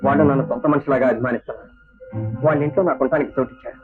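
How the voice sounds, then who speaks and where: An actor playing a humble young office clerk who speaks politely and deferentially in a 1970s film. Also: male voice, mid-range voice, steady tone, racing, natural voice. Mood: earnest. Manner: polite, deferential, keeps saying sir. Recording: tinny lo-fi old film soundtrack with faint music.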